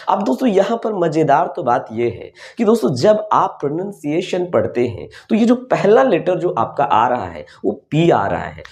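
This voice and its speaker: A man's voice: a little high, dark tone. A man with an Indian accent teaching English pronunciation in a video lesson, saying each word twice.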